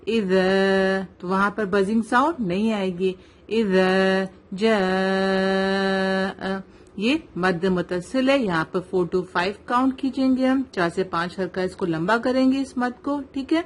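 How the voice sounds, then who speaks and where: A woman with a Pakistani Urdu accent teaching tajweed in an online lesson, slowly modelling recitation and checking with the student. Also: medium pitch. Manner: slow, careful modelling of recitation, checks with "right?".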